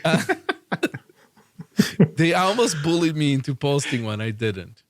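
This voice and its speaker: Upbeat podcast host, dry sound. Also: male voice, a little high, animated, takes it slowly, no echo. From Brazil. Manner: enthusiastic, laughs often, repeats words. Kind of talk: casual tech chat.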